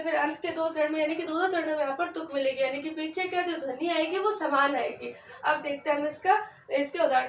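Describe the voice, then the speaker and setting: High-pitched woman teacher, patient, counts aloud and asks herself questions, recorded far from the mic. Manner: patient, asks and answers her own questions. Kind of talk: Hindi poetry meter lesson, counting aloud. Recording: echoey room, far from the mic, faint noise.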